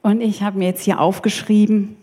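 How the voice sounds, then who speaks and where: A woman preacher telling a story as a sermon in an animated, conversational, jokey way. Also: mid-range voice, moderate pace. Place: church hall. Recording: long reverb in a church hall.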